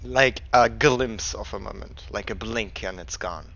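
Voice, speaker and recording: A man's voice: fairly low pitch, measured pace, gravelly, fairly bright tone. A man narrating as a tabletop game master, hesitant, trailing off with many fillers. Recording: dull lo-fi mic.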